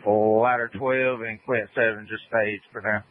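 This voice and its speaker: A man's voice: on the low side, flat delivery, unhurried, phone-quality sound. A man giving terse radio updates and orders as a fire incident commander over a two-way radio. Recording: band-limited fire radio traffic.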